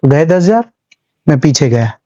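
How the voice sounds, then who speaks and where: Mellow-voiced storytelling history teacher, man. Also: fairly high pitch, sing-song, normal speed, lo-fi sound. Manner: chatty storytelling, acts out little scenes; mixes English terms into speech. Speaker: civil services exam history teacher. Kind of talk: classroom lecture.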